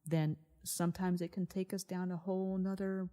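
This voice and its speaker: A woman's voice: lowish voice, little pitch movement, normal speed, mellow. A woman co-hosting a wellness podcast, explaining things earnestly in a conversational style. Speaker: podcast co-host.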